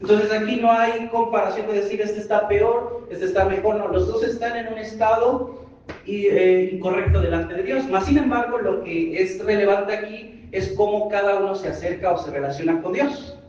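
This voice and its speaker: Mexican male preacher, sermon, high-pitched, muffled distant recording. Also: normal speed, darkish tone. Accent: Mexican Spanish. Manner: explanatory, asks the congregation questions. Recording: distant, echoey hall, dull sound.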